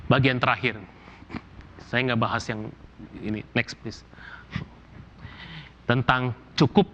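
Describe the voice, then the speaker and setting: A man from Indonesia preaching a sermon as pastor, animated and casual, acting out everyday complaints. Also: mid-range voice, slow, highs cut off, a little hiss or hum. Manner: animated, acts out quoted complaints in casual slang.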